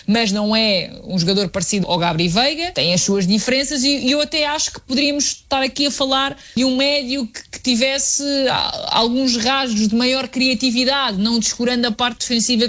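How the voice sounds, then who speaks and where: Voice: medium pitch, fairly bright tone. Commentator giving a rambling opinion. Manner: thinking aloud, restarts and qualifiers. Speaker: sports commentator. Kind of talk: radio panel opinion.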